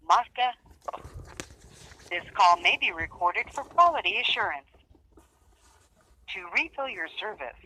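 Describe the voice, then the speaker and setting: Recorded phone menu message: a bright-voiced woman reads customer service prompts over the line, with a lively lilt. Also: mid-range voice, rough recording. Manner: even, announcing menu options one after another.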